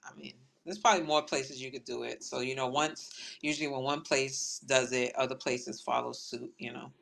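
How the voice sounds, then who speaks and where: Low lady cohosting a podcast, laid back, lots of "you know". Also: normal speed, vocal fry. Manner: relaxed, trailing off with fillers. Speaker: podcast co-host. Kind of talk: casual chat.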